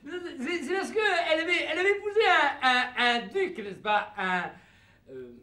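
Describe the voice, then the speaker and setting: Stammering flustered schemer. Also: male voice, extremely high pitch, sing-song, moderate pace, sharp tone, full character voice. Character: flustered male schemer improvising a cover story. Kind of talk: live stage farce acting. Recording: roomy stage recording, audience laughter.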